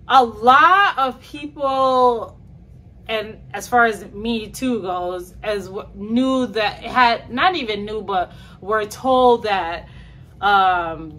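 A young New York woman with a medium-pitched, fairly bright voice films a hair vlog in her small bedroom. She talks to the camera casually, using slang and tossing in playful asides, with slight background noise.

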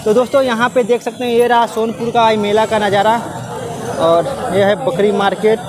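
A young man films a livestock fair with a handheld phone, walking among the goat stalls of an outdoor market and telling viewers repeatedly that they can see everything. His voice is high, flat, and fairly quick, with a busy crowd behind him.

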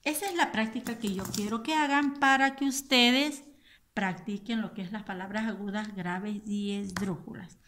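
A woman teacher, giving a recorded lesson to children and slowly repeating and spelling out each word. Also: mid-range voice, a bit bright. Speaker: school teacher.

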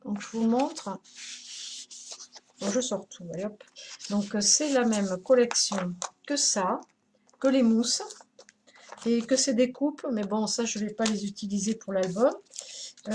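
A woman's voice: mid-range voice, a little slow, long pauses, darkish tone, slight background noise. A woman hosting a craft live stream, chatting casually, greeting viewers by name with many hesitations.

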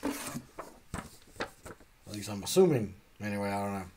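A comic unboxing channel host casually opens comics, rambling, trailing off and swearing offhandedly. His voice is on the low side and a little mellow, with lively intonation at normal speed and slight background noise.

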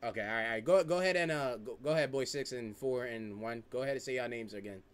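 A young man with a fast, mid-range voice hosts an online blind date game on a group video call, talking loose and slangy into a headset. Easygoing, he organizes the call from an indoor room with a streaming setup.

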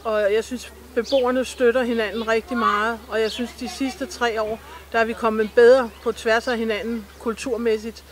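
A woman's voice: a little high, level tone, few pauses. A middle-aged woman, a local resident, talking enthusiastically outdoors in a vox pop interview and listing many things. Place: outdoors among trees.

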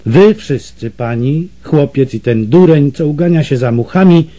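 A man's voice: fairly high pitch, lively intonation, moderate pace, mellow, close to an everyday voice. A man voicing a scheming, mocking Portuguese slave trader in an audiobook, speaking with menace and scorn. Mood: sneering, menacing. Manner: sneering and menacing.

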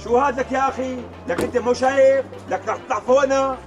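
An actor playing an angry driver hit in a crash, with a Syrian accent, hurling insults and complaints in a TV comedy sketch. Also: male voice, very high-pitched, fairly even intonation, fast, soft background music. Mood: furious. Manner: shouting insults, exasperated.

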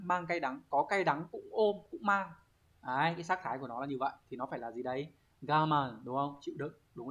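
A man's voice: on the high side, highs cut off. Man teaching Japanese vocabulary. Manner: explanatory, often asks students rhetorical check questions; reads Japanese example sentences aloud, then explains them. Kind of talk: online exam walkthrough lesson.

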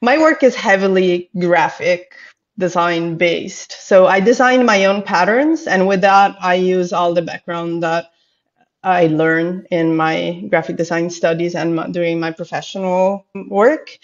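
With a lowish, steady voice and a slightly slow pace, a woman from Italy speaks in an Italian accent about her life as a pottery artist during a casual interview. She's thoughtful and occasionally struggles for words. Her headphones on a video call, in an indoor room with bookshelves, produce slightly dull lo-fi audio.

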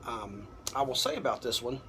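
A man in his thirties talks through a casual review at a mid-range pitch. He is unhurried and halting, working out his thoughts as he speaks. Faint outdoor ambient noise sits behind him, picked up by a computer mic on a balcony. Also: huge pitch swings, bright, forceful tone. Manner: halting, unhurried, thinking aloud. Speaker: pipe tobacco reviewer. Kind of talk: casual product review to camera. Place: apartment balcony at night. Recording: clearly noisy, outdoor ambience.

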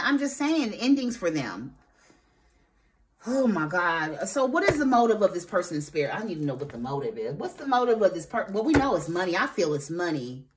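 A woman giving a casual tarot reading, sassy and expressive, swearing freely and talking straight to her viewers. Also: medium pitch, slight background noise. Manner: talks straight to viewers, asks spirit aloud. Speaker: tarot reader.

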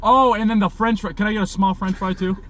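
A man's voice: high-pitched, fairly even intonation, fast talker, fairly bright tone. A young man ordering casually from inside a car, hesitant, repetitive and vague. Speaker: prankster customer ordering from a car. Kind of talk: casual, stalling back-and-forth. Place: inside a parked car at a drive-thru. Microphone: camera on the passenger side.

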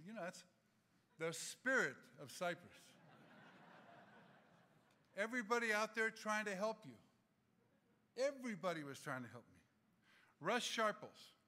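A man in his sixties giving an animated, humorous acceptance speech from a podium microphone in a large auditorium. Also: sits high. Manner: animated, gesturing, humorous anecdotes.

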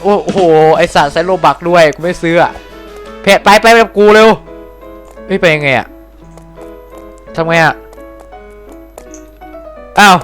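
A man hosting a gaming channel, giving excitable, jokey let's-play commentary full of swearing and boasting. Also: high voice, a little slow, pauses often, soft background music.

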